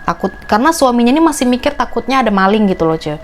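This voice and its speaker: A woman's voice: fairly high pitch, big pitch swings, rapid-fire, a little hiss or hum. A woman narrating a chat-log horror story casually, with chatty, teasing asides to her viewers. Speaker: storytelling YouTuber.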